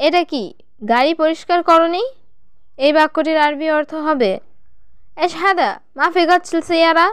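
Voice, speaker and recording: A woman teaching language in an even, measured way, going through short phrases one at a time in a scripted lesson. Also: very high-pitched, dry recording.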